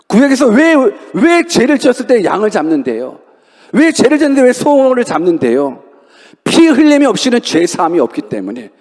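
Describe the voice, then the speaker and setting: A man's voice: very high-pitched, huge pitch swings, a little fast, darkish tone. A male pastor preaching a sermon in a church. He acts out quotes and asks rhetorical questions. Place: church sanctuary. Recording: long church reverb.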